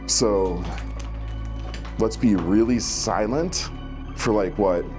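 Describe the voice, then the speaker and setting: A low-pitched man speaks as the host of a night ghost-hunting vlog. He talks casually to the camera and leaves deliberate pauses, with music playing behind him. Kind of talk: night investigation vlog, talking to camera and calling out to spirits.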